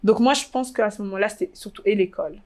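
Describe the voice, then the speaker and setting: Speaking quickly with a mid-range, darkish voice, this woman in her twenties from Congo recounts her story as an interviewee. She's a fashion blogger, and her casual talk is hesitant, with many fillers and restarts.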